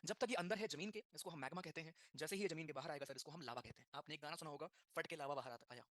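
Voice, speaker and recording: Rapid, bright-voiced male teacher. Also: a little high, dry recording, studio quality. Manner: rapid Hindi-English mix, repeats key terms, asks the class questions. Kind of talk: classroom lecture.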